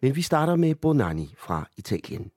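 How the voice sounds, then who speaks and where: A man's voice: mid-range voice, sing-song, brisk, a little mellow, no echo, clean studio sound. A male news correspondent speaking Danish, reporting and introducing interviewees.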